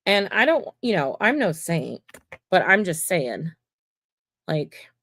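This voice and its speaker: A woman's voice: on the low side, big pitch swings, slow, a bit bright. A woman mosaic artist hosting a livestream, chatting casually and rambling to viewers while she works. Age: adult. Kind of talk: casual chat while crafting.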